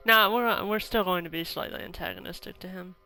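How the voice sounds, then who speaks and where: Bright-voiced woman gaming streamer. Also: lowish voice, a little fast, poor audio. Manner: playful, reactive. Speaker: video game streamer. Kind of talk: casual playthrough commentary. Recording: game music behind the voice.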